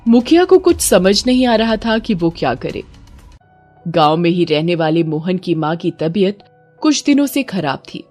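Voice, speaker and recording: The narrator of this scripted horror story is a woman whose voice runs on the low side, sing-song and a little mellow, at a moderate pace. She tells it dramatically with background music under her.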